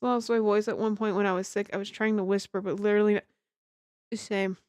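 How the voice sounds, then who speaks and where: A woman with a mid-range, slightly mellow voice talks at a quick pace in a steady tone, with no echo. She is chatting casually on a game livestream, giggling, rambling and poking fun at herself, right up against the microphone. She is a livestreamer and amateur voice actor, and music runs in the background.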